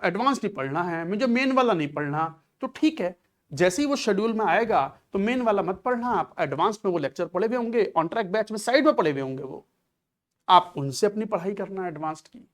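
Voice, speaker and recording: A man's voice: high-pitched, animated, a little fast. A male chemistry teacher talking earnestly to exam students, giving coaching advice and slipping English phrases into his Hindi.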